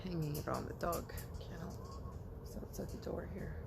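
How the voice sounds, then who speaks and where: A woman chatting casually in a rambling late-night vlog, at home and then outside in the dark, sometimes dropping to a whisper. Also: low-pitched, normal speed, gravelly, very noisy. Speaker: vlogger.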